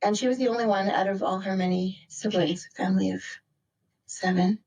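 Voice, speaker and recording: Woman from maryland chatting on a podcast, mid pitch, lots of likes and you knows, kinda wandering. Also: fairly even intonation, a little fast, darkish tone, breathy edge, poor audio. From Maryland, United States. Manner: rambling and reflective, heavy use of "like" and "you know". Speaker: podcast guest. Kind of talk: casual conversational interview.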